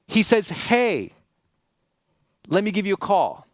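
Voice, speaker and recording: A high-pitched man speaks slowly with big swings in pitch, captured in studio quality with no room sound. Hosting a seminar, he delivers a motivational stage talk full of emphatic storytelling, repeated phrases, and rhetorical questions before introducing a guest.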